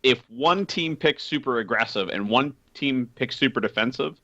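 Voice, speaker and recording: A man's voice: medium pitch, expressive, moderate pace, fairly bright tone, dry recording, lo-fi sound. A man co-hosting a gaming podcast, talking casually with lots of fillers and easy laughs. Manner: chatty, laughs often, many fillers. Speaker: podcast co-host.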